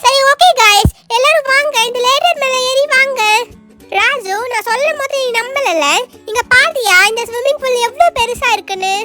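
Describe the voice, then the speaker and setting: A woman narrates a children's doll show in a very high, chirpy voice. She chats cheerfully to the viewers as her doll. Loud children's music runs under her talk. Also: moderate pace. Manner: cheerful, chatty, addressing friends.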